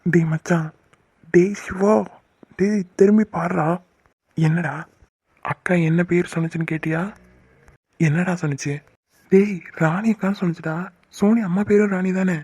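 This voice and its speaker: A man voicing a cheeky young brother-in-law in a cartoon, a lively young man. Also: high voice, moderate pace, long pauses, slightly rough, dry recording. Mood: scheming. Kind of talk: cartoon voice acting.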